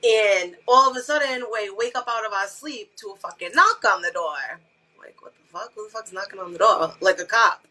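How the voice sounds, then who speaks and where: Young female co-host, strong New England accent, bright and forceful, laughs and curses through her stories. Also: medium pitch, fairly quick, rough recording. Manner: laughs often, swears freely. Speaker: podcast co-host. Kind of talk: casual chat on a livestream.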